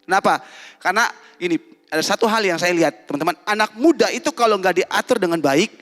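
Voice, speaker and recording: Brief: male pastor, high and bright, animated call-and-response youth sermon, church hall reverb. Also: fast, faint music behind. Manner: animated, teasing, quizzes the congregation.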